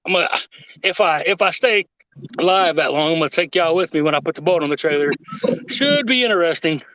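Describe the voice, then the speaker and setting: A laid-back older man chats his way through a fishing livestream from a riverside boat, chuckling often. His voice sits a bit high for a man, and the stream audio comes through muffled and lo-fi. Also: brisk, bright, forceful tone, no echo. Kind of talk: casual livestream chat.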